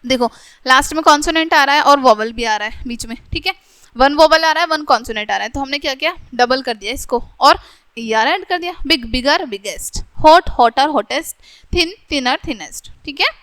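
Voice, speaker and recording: A woman teacher giving a grammar lecture, reading English rules slowly and then explaining them in Hindi, often checking in with "theek hai". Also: high-pitched, animated, a bit bright, no echo.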